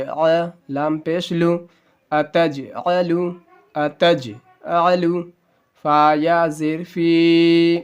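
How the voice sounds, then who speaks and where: A man's voice: on the high side, clean tone, dull audio. A male Quran teacher giving a letter-by-letter spelling lesson, patiently explaining the reading rules and stretching out each joined word. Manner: spells syllables slowly, then draws out the joined word.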